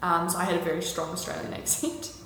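A young woman with a New Zealand accent chats easily as a podcast guest, filling her speech with ums and likes. Her voice sits a little low. The recording rings with long reverb over a faint hiss. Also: level tone, fast talker, creaky, a bit bright. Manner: chatty, with frequent ums and likes. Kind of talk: casual conversational interview.

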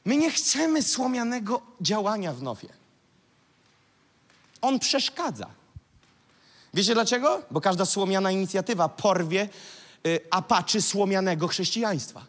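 A man's voice: high-pitched, very animated, unhurried, pauses often, fairly bright tone. A man preaching a sermon as pastor, dramatic and vivid, now and then acting out mocking voices. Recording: church hall reverb.

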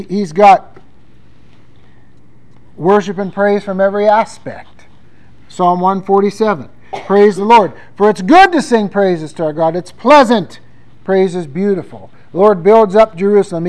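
High-voiced male pastor preaching. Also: a little mellow, rough recording. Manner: conversational preaching, reading scripture aloud with emphasis. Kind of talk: sermon.

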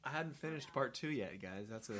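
A man's voice: mid-range voice, expressive, fairly quick, crowd noise. A man who is a guest on a podcast, chatting casually and making dry wisecracks. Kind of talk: casual chat.

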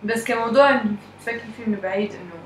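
A woman's voice: on the high side, very fast. A woman with a Levantine Arabic accent thinking aloud in a casual discussion. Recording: echoey, distant from mic, faint noise.

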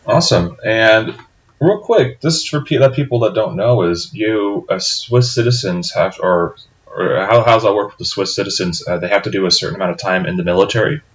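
A man's voice: lowish voice, fairly quick, a little hiss or hum. A man hosting a podcast, talking in a friendly, loose way with many uhs and restarts. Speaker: podcast host. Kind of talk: casual interview hosting. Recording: dull lo-fi audio.

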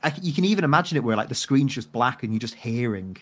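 A man co-hosting a podcast in casual chat, rambling and excitable, full of fillers. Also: medium pitch, fast talker. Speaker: podcast co-host.

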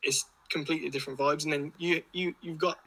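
Male, English accent, very sharp bright tone, chatty rambling storyteller for casual podcast talk. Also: fairly high pitch, fairly even intonation, quick pace, creaky, breathy edge, low-quality recording. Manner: rambling, chatty, British slang. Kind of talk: casual chat, telling travel anecdotes.

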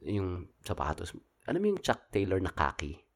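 A man with a Filipino accent co-hosts a relaxed podcast. His voice sits low as he spins a chatty, teasing story, slipping English phrases into his Tagalog. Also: normal speed. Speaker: podcast co-host. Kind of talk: casual chat.

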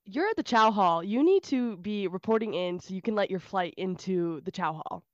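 A woman playing a bossy training assistant who gives brisk instructions to cadets. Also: mid-range voice, expressive, dry recording, highs cut off, close to an everyday voice. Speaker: training assistant in a comedy skit.

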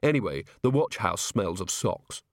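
A man's voice: low-pitched, expressive, moderate pace, dry recording, voice pushed down. A man voicing a frank, dry-witted young policewoman in a lightly raised, matter-of-fact voice. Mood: wry, frank.

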